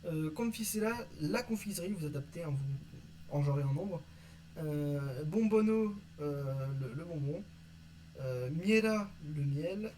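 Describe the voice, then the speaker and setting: A man teaching vocabulary from an invented language in a casual lesson, reading word lists and pausing often with fillers. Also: on the high side, expressive, a little mellow, slight background noise, rough recording. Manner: reads word lists, hesitant with many "euh". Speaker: conlang teacher.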